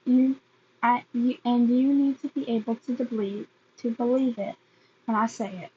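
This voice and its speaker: A woman voicing a gruff, hot-tempered teenage boy in a fan fiction reading. She speaks haltingly and restarts her phrases often. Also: on the high side, steady tone, phone-quality sound, slight background noise, lightly acted. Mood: earnest.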